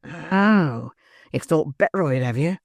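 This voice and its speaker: A brutal, sickly housebreaker growls his orders and curses in short, gruff bursts, as a male narrator plays him. His speech drags slowly. The recording is dry and close. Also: fairly high pitch, animated, no echo. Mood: growling. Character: sick, brutal middle-aged male housebreaker, savage temper.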